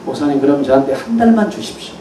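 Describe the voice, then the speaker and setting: A man's voice: on the high side, expressive, fast, mellow, slight background noise, pitched below the performer's own voice, lightly acted. A male pastor voicing an earnest, grateful older businessman in a sermon story. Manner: earnest, polite. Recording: echoey hall, mic far off.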